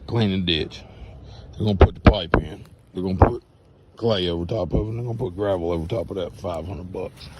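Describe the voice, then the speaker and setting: A man with a sore, hoarse throat talks in a plain, rambling way while showing his rural land. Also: low-pitched. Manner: plain-spoken, rambling, folksy. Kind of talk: casual walk-around vlog. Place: outdoors on rural property. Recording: outdoor noise behind voice.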